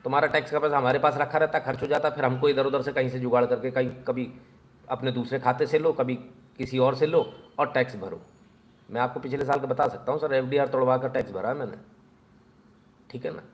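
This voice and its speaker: A man giving sarcastic news commentary in an animated voice, and he often speaks directly to the people he criticises. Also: medium pitch, a little fast. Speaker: political commentator.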